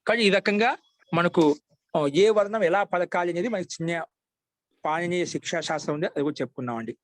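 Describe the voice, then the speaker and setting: A man teaches a grammar class in a patient, repetitive way. His voice sits a little high. He keeps checking that his students follow. The sound is dry and close. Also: dry recording. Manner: patient, repeats each example slowly; asks students for confirmation often. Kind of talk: online class lecture.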